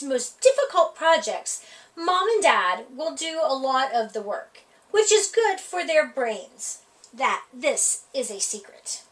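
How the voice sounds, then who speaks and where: At library storytime, a high-voiced woman reads a children's picture book aloud, her pitch swinging widely as she plays up the lines with a playful, expressive delivery. She sounds distant, set back from the microphone.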